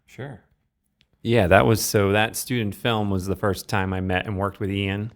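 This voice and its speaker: Filmmaker guest from Massachusetts, low gravelly monotone, smooth resonant timbre. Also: male voice, a little slow. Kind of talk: casual interview.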